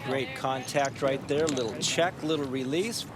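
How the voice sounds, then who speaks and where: A man's voice: medium pitch, unhurried, crowd noise. A man giving conversational live golf commentary in short, clipped observations. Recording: noisy outdoor ambience.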